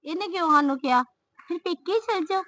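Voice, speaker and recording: A woman playing a sulky wife, complaining, high-pitched, faint background music. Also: animated, fast talker, fairly bright tone. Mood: aggrieved. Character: young wife sulking about her sister-in-law. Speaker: daughter-in-law in a family short film. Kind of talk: scripted short film acting.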